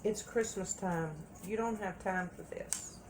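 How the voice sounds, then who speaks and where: A woman's voice: mid-range voice, a little slow, background noise. A woman giving a casual tarot reading, chatty and repeating phrases for emphasis. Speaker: tarot reader.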